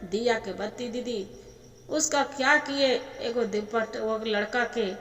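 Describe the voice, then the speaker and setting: A woman's voice: fairly high pitch, a little slow, fairly bright tone. A woman with a Bhojpuri accent telling a sad devotional folk story, emotionally addressing her listeners as sister. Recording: echoey reverberant hall.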